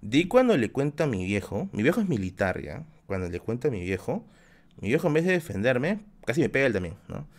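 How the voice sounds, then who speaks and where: A man's voice: medium pitch, sing-song, brisk. A man with a Peruvian accent telling a story on a live stream in a casual, slangy, self-mocking way. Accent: Peruvian Spanish. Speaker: livestreamer telling stories.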